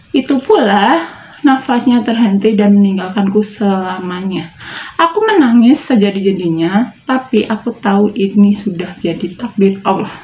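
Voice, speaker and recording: A woman reading her own short story aloud with feeling, then signing off in a casual chatty way. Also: mid-range voice. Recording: tinny, phone-like, echoey room.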